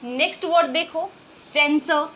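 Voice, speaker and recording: High-voiced woman teaching vocabulary in Hindi. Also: a little slow, a bit bright, a little hiss or hum. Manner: explains in Hindi mixed with English, often asks and answers her own questions. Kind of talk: exam-prep vocabulary lesson.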